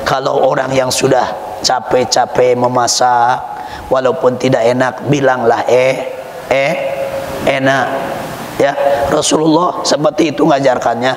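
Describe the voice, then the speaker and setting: A man preaching to a crowd, joking and acting out household scenes with big pitch swings. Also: flat delivery, a little slow. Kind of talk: sermon. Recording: echoey hall with faint noise.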